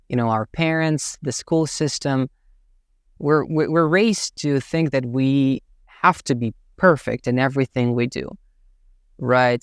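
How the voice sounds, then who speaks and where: Talking reflectively to camera on his channel, a young English teacher from Tatarstan considers how to learn English, his speech peppered with fillers such as "right" and "you know." He has a Russian accent and a clear, resonant voice of medium pitch. It's studio quality, free of any room sound.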